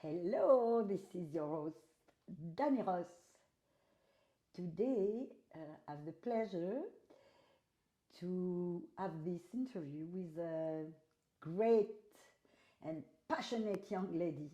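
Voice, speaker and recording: A woman hosting an interview, chatty and a little halting, with non-native phrasing. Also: on the low side, expressive, mellow. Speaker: host. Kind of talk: casual interview conversation.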